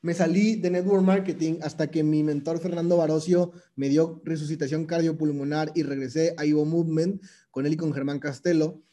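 Mellow high-voiced Mexican man, emphatic. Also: fairly even intonation, normal speed. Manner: casual, slangy, emphatic with repetition. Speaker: motivational speaker. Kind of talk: motivational monologue.

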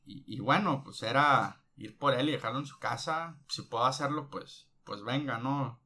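A man's voice: mid-range voice, moderate pace, sharp tone. A man with a Mexican accent, a teacher talking as a podcast guest in casual, slangy chat with frequent swearing. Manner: slangy and salty, with frequent "no?" tags.

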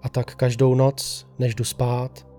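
Man narrating a hushed horror tale. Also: mid-range voice, flat delivery, soft background music. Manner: slow, hushed, suspenseful delivery. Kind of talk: scripted horror story narration.

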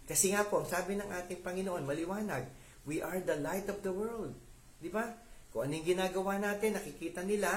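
Echoey man preaching casually. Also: fairly high pitch. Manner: conversational, asks listeners to agree. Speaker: lay preacher. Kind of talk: informal sermon mixing Filipino and English. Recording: echoey room with faint background noise.

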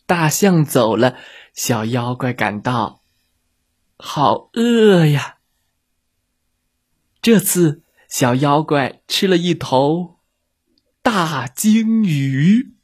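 Man, kids' story narrator; gentle, slow, breathy delivery. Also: on the high side, lively intonation. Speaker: children's storyteller. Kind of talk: scripted narration for children.

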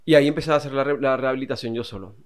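A man's voice: medium pitch, steady tone, very fast. A man who teaches singing and voice, explaining vocal technique in a casual interview.

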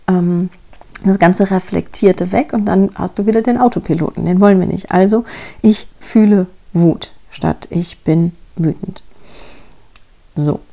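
Woman coaching parents, low mellow voice with some gravel, talks right to you. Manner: direct, reassuring, addresses listeners with "ja?". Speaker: parenting coach and podcast host. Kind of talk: advice talk to listeners.

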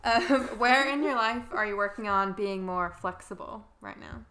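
A woman's voice: mid-range voice, moderate pace, pushed and bright. A woman hosting a podcast, chatting earnestly and asking her guest set questions. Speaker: podcast host. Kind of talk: casual podcast interview.

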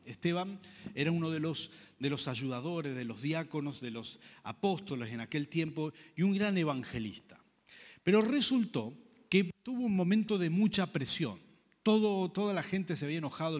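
Earnest preacher, man, slightly high voice, long reverb. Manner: earnest, conversational preaching with rhetorical questions. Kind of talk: sermon.

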